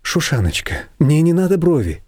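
Storybook figure: man voicing a weary young woman, soft objections, lively high tone. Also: moderate pace, no echo, studio quality. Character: tired, patient young woman, mildly protesting.

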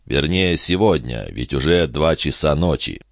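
A gruff, grave older farmer, as a male audiobook reader voices him. He speaks tersely in a very low voice, stern and grumbling. The recording is dry and close. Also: expressive, measured pace, fairly bright tone, no echo, full character voice.

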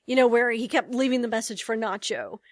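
Casually discussing a TV episode as a podcast co-host, a woman talks briskly in a fairly high voice, wandering off track and correcting herself along the way. There's no echo on the recording.

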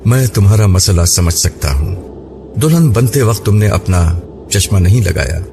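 Kind young husband, soft-spoken with a playful edge, read by a man; deep, noisy. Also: expressive, creaky. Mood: gentle. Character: young husband, calm, gentle and teasing. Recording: noisy background hiss.

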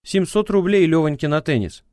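A man's voice: on the high side, lively intonation, fairly quick, a little mellow, dry recording, studio quality, pitched above the performer's own voice, lightly acted. A man voicing a scornful, nagging ex-wife who lectures and mocks in a prosecutorial tone. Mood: mocking.

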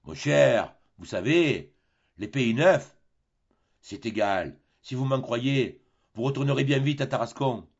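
A man's voice: medium pitch, slow, vocal fry, slightly rough, highs cut off, exaggerated voice. A man doing a jovial mocking sea captain.

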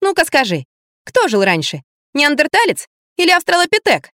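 A woman reading an audiobook, voicing a bratty, sharp-tongued teenage girl in a shrill, indignant voice. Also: wildly swooping pitch, normal speed, no echo, studio quality, exaggerated voice. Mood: teasing. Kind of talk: audiobook character voice.

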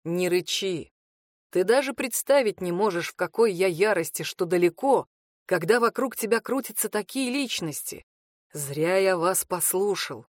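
A woman voicing a smug, teasing male lover in an audiobook, speaking low and slow. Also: animated, a little mellow, no echo, studio quality. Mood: stern.

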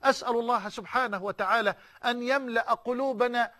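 Fervent high-pitched Egyptian preacher. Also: male voice, fast, sharp tone. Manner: fervent, repeats phrases for emphasis, shifts into colloquial asides. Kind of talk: sermon.

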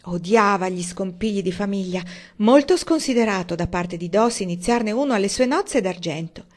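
Lady reading an audiobook, even and steady. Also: medium pitch, moderate pace. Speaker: audiobook reader. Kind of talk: audiobook narration.

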